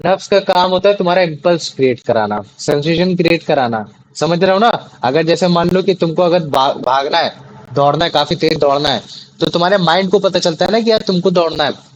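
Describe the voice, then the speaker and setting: A man's voice: on the high side, brisk, rough recording. A young man teaching a classroom lesson, often repeating questions to check that the students follow. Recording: faint background noise.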